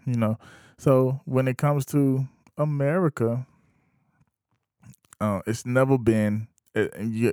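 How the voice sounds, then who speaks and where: A man in his thirties talking casually to camera, thinking aloud with frequent pauses. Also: on the low side, darkish tone, no echo, clean studio sound. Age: 30s. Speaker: vlogger. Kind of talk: casual opinion monologue.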